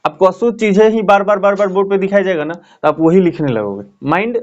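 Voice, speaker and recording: This man's voice sits high and moves fairly quickly, captured in lo-fi sound. He teaches a grammar lesson at a board, explaining in a chatty style with frequent check-ins with his students.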